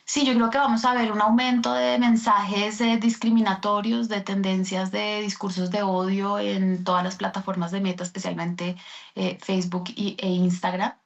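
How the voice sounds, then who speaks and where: Casting: woman analyst, flat gravelly voice, thinking aloud, lo-fi remote feed. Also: medium pitch, normal speed. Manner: thoughtful, with frequent fillers. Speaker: interview guest, analyst. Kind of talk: remote interview answer. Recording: dull lo-fi remote link.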